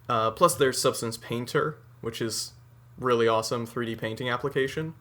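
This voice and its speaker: An eighteen-year-old man from the United States co-hosting a podcast, chatting in animated, opinionated run-on sentences. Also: mid-range voice, moderate pace. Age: teens. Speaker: podcast co-host. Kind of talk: casual chat.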